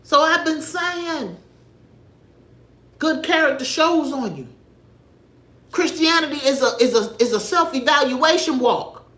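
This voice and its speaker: Animated woman preaching on a livestream. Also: high-pitched, a little slow, long pauses, reverberant. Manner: animated storyteller, emphatic and preachy. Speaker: livestream host. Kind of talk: casual faith talk on a livestream. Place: home livestream in an echoey room.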